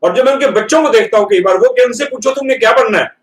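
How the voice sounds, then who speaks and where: A man, a professor, giving an earnest motivational talk in a lecture hall and slowing down to stress key words. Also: extremely high pitch. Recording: echoey hall, speaker far from mic.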